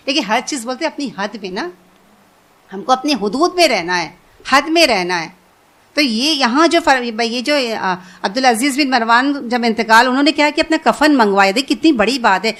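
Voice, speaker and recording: A woman's voice: a little high, fairly bright tone. A woman giving an informal religious lesson, talking conversationally, repeating phrases and asking her listeners questions. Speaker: Quran teacher.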